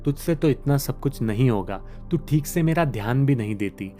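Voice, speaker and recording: A man's voice: mid-range voice, animated, normal speed, warm tone, faint music behind, natural voice. A man voicing a scolding, demanding older mother-in-law in a devotional story, nagging and belittling. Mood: demanding, complaining. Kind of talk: acted quotes in devotional storytelling.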